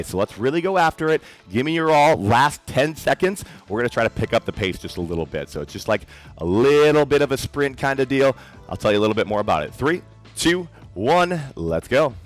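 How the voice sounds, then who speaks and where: A man coaches a workout in a fairly low voice, calling out encouraging cues and counting down each set. Soft music plays faintly behind him. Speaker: fitness coach. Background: faint background music.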